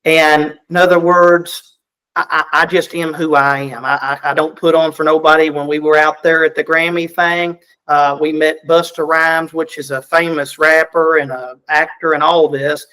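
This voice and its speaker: A middle-aged country singer with a strong Southern US accent and a slightly high voice. He talks in a folksy, self-deprecating way, often repeating a word as he starts a thought. His tone stays relaxed and chatty throughout the interview. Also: normal speed, smooth, poor audio. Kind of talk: casual interview chat.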